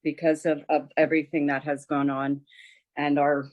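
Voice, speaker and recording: A woman's voice: low-pitched, level tone, normal speed, no echo, dull audio. An older woman from Montreal, chatting casually as an interview guest, rambling with restarts and frequent laughs. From Montreal, Canada. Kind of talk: casual conversation.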